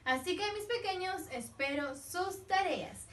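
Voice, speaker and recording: Woman teacher for small kids, high bright voice, very slow and patient, echoey room, slightly off-mic. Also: lively intonation, distant mic, slight background noise. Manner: slow and patient, repeats each word and switches between Spanish and English; coaxing and encouraging. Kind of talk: recorded class for young children.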